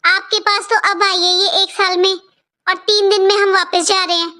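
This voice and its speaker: A woman's voice: very high-pitched, flat delivery, moderate pace, pushed and bright. A woman voicing a mother in a cartoon who defends her daughter, with a wounded, defensive manner. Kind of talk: cartoon voice acting.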